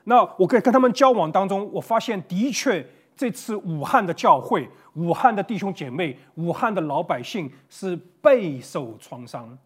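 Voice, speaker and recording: High-pitched pastor guy doing a sunday sermon over video, earnest, restarts words sometimes. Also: expressive, normal speed, few pauses, breathy edge. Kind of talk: online sermon. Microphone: facing a camera.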